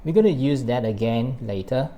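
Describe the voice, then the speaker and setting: Hosting a cooking demonstration to camera, a man with a Malaysian accent explains each step of the recipe; he was born in Hong Kong and grew up in Malaysia. His mid-range voice is dark-toned and animated, at normal speed.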